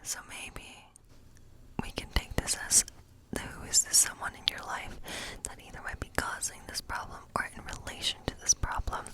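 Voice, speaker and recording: In an ASMR tarot role play, a woman plays a friendly woodland witch, whispering in pure soft breath with no tone behind it. She rambles gently at a moderate pace, lingering over phrases in a musing, playful mood, close to an everyday voice. The audio quality is poor.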